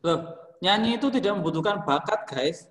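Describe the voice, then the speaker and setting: A man's voice: high voice, lively intonation, a little fast, a bit bright. A man teaching a school music class, explaining singing technique in an encouraging, joking way. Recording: echoey classroom.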